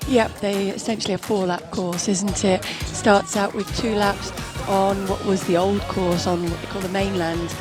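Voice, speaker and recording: A woman's voice: medium pitch, level tone, moderate pace, over music. A woman presenting and commentating on a road race in a friendly, explanatory way.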